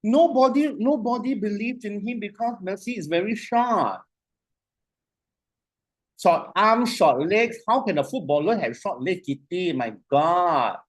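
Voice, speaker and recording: A male lecturer in full classroom flow. He talks in an animated, repetitive way and keeps asking whether the students follow. He stretches key phrases out slowly for them to write down. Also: sits high. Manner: animated, repetitive, asks "you see?" often; slows way down to dictate phrases.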